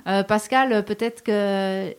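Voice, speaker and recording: A woman hosts a radio interview with students. She is lively and encouraging and hesitates often as she talks. Her voice sits at an ordinary pitch. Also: slow, clear, resonant tone. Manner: lively, encouraging, many fillers. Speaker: radio host.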